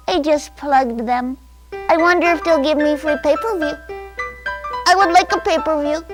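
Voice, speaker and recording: A high, squeaky little girl who complains and sulks, as a grown woman puts on her inner child. She rambles for attention in a petulant whine and won't sit still for the grown-ups. It is a live improvised comedy bit from a TV studio. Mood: plaintive. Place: cable access TV studio.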